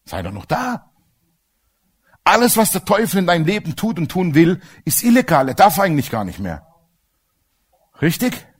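A man's voice: high voice, big pitch swings, fairly quick, husky. A man preaching a sermon with emphasis and humorous asides, often asking the congregation for agreement.

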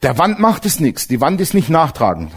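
A man preaching a sermon to a congregation, animated and direct, asking them questions and mixing in humor. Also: a little high, moderate pace, husky. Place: church service with congregation.

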